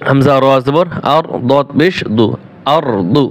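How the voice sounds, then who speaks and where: A man's voice: on the high side, a little slow. A man teaching Quran reading, spelling out each letter and vowel mark patiently before chanting the verse, and asking learners questions that he then answers himself. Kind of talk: step-by-step reading lesson.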